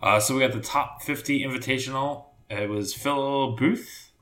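A man's voice: medium pitch, normal speed, pushed and bright. A man hosting a podcast in casual chat, his audio echoing in an untreated room. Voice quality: echoey sound. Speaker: podcast host. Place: new home studio still being set up.

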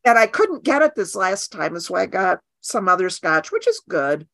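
Brief: woman guest, wry and frank, crisp bright tone, dry room. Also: medium pitch, very animated, no echo. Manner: frank, wry, quick to agree. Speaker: guest artist. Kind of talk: casual conversational interview.

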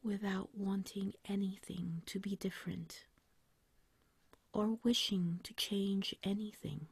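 Breathy, whispery woman guiding slow meditation like sleep narration. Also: mid-range voice, steady tone, no room sound. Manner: soothing, gentle, unhurried with long pauses. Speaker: meditation guide.

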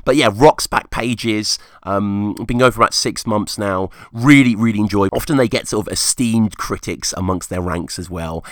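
Low, rusty-voiced man, casually podcasting. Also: moderate pace, hardly any pauses, fairly bright tone, no room sound, studio quality. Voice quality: rusty, hoarse voice. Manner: enthusiastic, informal. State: hungover, croaky. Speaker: music podcast host. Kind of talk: casual rambling solo podcast talk.

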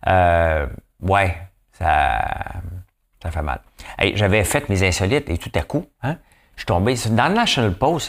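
A man's voice: sits low, gravelly. A man with a Québécois accent hosting a podcast in casual, playful commentary, often tossing in a questioning "hein?". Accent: Québécois French. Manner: playful, chatty, keeps asking "hein?". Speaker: podcast host.

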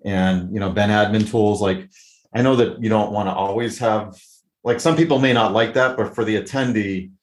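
A man with a lowish voice who is a guest on a podcast interview. He talks loosely and rambles, leaning on fillers like "uh" and "like" and restarting his sentences. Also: fairly even intonation, moderate pace, a little hiss or hum. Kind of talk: casual interview chat.

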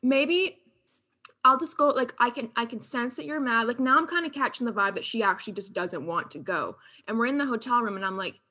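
A woman co-hosting a chat show, telling her side of a trip story in an animated way and laughing often. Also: on the high side, fairly quick.

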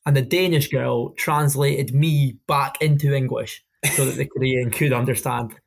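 A young adult man with a Scottish Highland accent, chatting casually about sport in a colloquial, matey storytelling way as a podcast co-host. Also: steady tone, moderate pace, creaky. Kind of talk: casual football chat.

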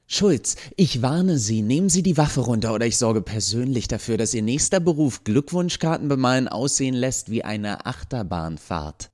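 A man's voice: fairly low pitch, animated, unhurried, darkish tone, voice pushed up. A man voicing a brusque, sarcastic woman professor who speaks in a clipped, commanding way.

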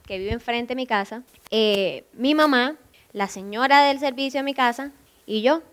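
A woman's voice: a little high, normal speed, fairly bright tone. A young woman with a Colombian Caribbean coast accent, telling stories in conversation, laughing often and acting out voices. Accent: Colombian Caribbean coast (Córdoba). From Córdoba, Colombia. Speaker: singer, guest. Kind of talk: lively conversational storytelling.

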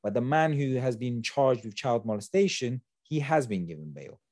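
A man's voice: mid-range voice, lively intonation, moderate pace, a little mellow, dry recording, studio quality. A young man, hosting a podcast in casual, slangy chat. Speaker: podcast host.

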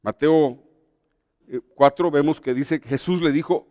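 A man, a pastor giving a Bible study, speaking in an animated, emphatic way and pausing deliberately at commas. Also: a little high, dry recording, studio quality, in a large hall.

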